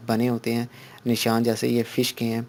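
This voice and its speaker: A man hosting a gardening channel, explaining calmly and repeating his points with frequent fillers. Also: medium pitch. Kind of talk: casual instructional talk.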